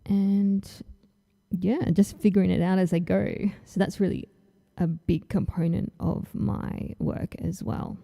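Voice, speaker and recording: An Australian woman chats casually on her livestream in a dark, gravel-edged voice that sits a touch low. She takes her time, unhurried and a little nervous, with plenty of ums between thoughts. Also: little pitch movement. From Tasmania, Australia. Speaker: comic artist hosting her launch stream. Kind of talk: casual livestream chat while drawing.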